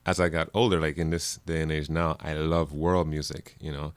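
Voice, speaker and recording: A man's voice: very deep voice, normal speed, no room sound. A man from Jamaica, a musician guest on a radio show, talking casually with frequent laughs and fillers. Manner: laughs often, relaxed rambling with many fillers. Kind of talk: casual interview chat.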